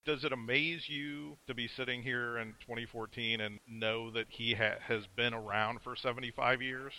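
A man's voice: mid-range voice, steady tone, moderate pace, pushed and bright, rough recording. A man hosting a show, talking in a casual conversational interview style. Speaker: show host.

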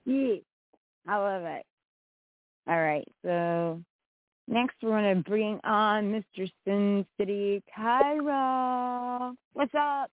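A woman's voice: medium pitch, slow, dry recording. Dry, narrow-band woman co-host in group chat. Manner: effusive and encouraging, slangy, says "man" and "dude" often. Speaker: co-host of a music show.

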